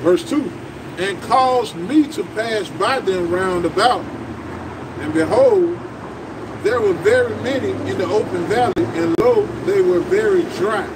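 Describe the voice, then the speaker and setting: A man in his forties reading scripture slowly and formally aloud on a city sidewalk at night. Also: high-pitched, expressive. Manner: slow, formal reading of verses. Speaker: scripture reader. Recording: distant voice, loud traffic noise.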